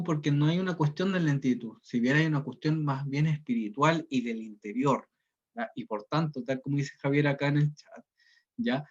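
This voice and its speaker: A man's voice: mid-range voice, darkish tone, slightly rough. A male teacher, giving an online reading class and explaining each step, often checking in with the students. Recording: dull lo-fi sound.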